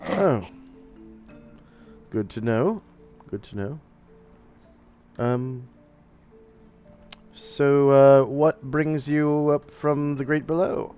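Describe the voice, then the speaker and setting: A man's voice: mid-range voice, extremely slow, pauses often, smooth, faint music behind, voice pushed up. A man putting on a half-elf knight woman through a voice changer. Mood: curious. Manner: soft-spoken, courteous, hesitant with fillers. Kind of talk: tabletop game roleplay.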